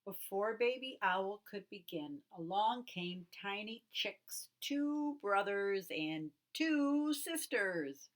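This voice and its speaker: Slow, expressive woman reading to kids. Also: medium pitch. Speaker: teacher reading aloud. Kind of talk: children's picture book read-aloud.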